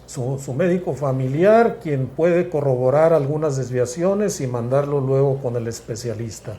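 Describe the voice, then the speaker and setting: A man, a psychiatrist guest explaining things in a measured, step-by-step way with frequent restarts. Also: mid-range voice, mellow. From Mexico. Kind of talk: explanatory interview talk.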